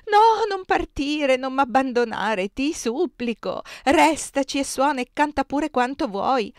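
Panicky elderly abbess, put on by a woman reader: high, pleading, dry close sound. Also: steady tone, normal speed, no room sound, natural voice. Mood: panicked pleading. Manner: shrill, imploring, sobbing pleas. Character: terrified old female abbess, pleading and proud.

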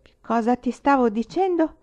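A woman reading aloud voices a drunk young male army lieutenant who talks loudly and boastfully. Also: a little high, lively intonation, moderate pace, pitched above the performer's own voice, lightly acted. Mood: drunken, blustering. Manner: loud, boastful, sobbing and angry by turns. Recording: slightly dull, lo-fi recording.

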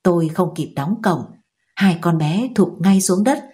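Woman reading a novel out loud, low mellow voice, steady and even. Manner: steady, measured storytelling. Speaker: audiobook reader. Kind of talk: audiobook narration of a novel.

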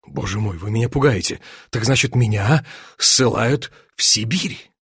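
A man's voice: on the low side, expressive, moderate pace, a bit bright, slightly rough, no room sound, studio quality, voice pushed down, full character voice. A man reading an audiobook, voicing a panicked middle-aged banker who pleads in frightened, rising outcries.

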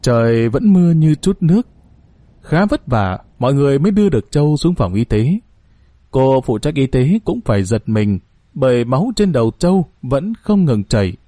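Man, horror story narrator, dramatic and suspenseful, very expressive pitch. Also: normal speed, no echo.

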